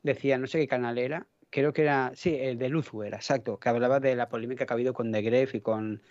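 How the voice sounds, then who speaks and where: A man's voice: mid-range voice, steady tone, fast, darkish tone, no echo, dull audio. A man from Catalonia with a faint Catalan accent, chatting as a podcast guest, rambling, hunting for words and swearing casually. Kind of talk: casual chat.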